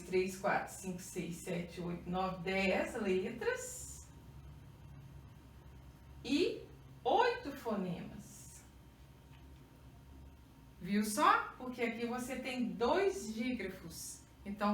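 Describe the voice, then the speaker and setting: Slow Brazilian teacher in an echoey room. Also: female voice, fairly high pitch. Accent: Brazilian Portuguese. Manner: checks in with "tá?" and "ó", counts letters aloud slowly. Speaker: Portuguese teacher. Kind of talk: whiteboard grammar lesson. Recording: roomy echo, mic far off, faint hum.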